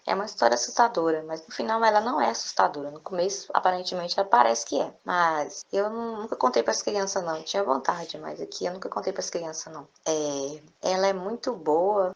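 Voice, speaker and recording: A woman storyteller telling a folk tale in an animated way, often adding tag questions. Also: lowish voice, creaky. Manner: lively, frequent tag questions.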